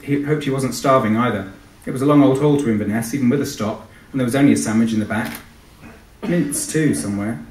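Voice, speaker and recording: A British author gives a live literary reading in a hall, his voice medium in pitch. There's slight background noise, plenty of echo, and the microphone is placed at a distance.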